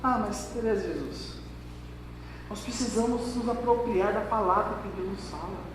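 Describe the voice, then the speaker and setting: Male pastor with a high voice, lively storytelling sermon, heard from far off in a church hall. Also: moderate pace. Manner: lively storytelling, addressing the congregation directly. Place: church hall during a service. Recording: echoey hall from far off, background noise.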